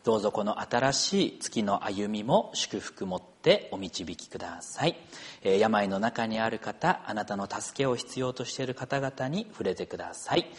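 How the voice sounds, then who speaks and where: A man's voice: fairly low pitch, expressive, normal speed. A middle-aged man, a pastor, praying formally and then preaching a sermon with storytelling. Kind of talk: church prayer and sermon.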